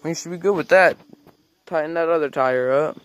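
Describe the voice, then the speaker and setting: A teenage farm vlogger talks at a moderate pace with soft music playing in the background. Holding his phone at arm's length outdoors and in an open wooden barn, he rambles about the barn, the animals and a trailer, putting on a high baby voice for the animals.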